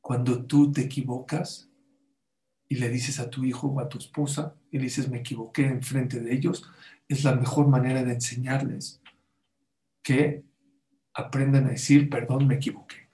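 A man's voice: medium pitch, little pitch movement, moderate pace, warm tone, echoey room. A man giving a sermon-style talk as a religious teacher, putting rhetorical questions to his audience and quoting Hebrew sources.

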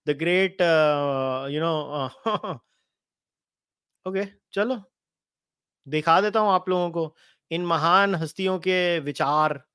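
A man's voice: fairly high pitch, quick pace, long pauses, pushed and bright, clear, resonant tone, no echo, clean studio sound. A man with an Indian accent hosting casual live commentary, speaking in an opinionated, sardonic and emphatic manner. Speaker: host of a commentary live stream. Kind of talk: casual live commentary, reading out quotes and answering viewers.

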